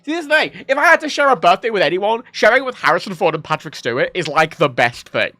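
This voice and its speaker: Tipsy, lively, swearing male streamer. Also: sits high, quick pace, no room sound. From born in Ireland, raised in England. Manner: self-deprecating, swears a lot, rambling. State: drunk. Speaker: livestreamer. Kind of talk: casual rambling stream chat.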